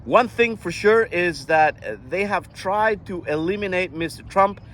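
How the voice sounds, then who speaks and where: An older man from Costa Rica talking earnestly in a casual monologue, often halting and restarting his sentences. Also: sits high, a bit bright, a little hiss or hum. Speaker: vlogger.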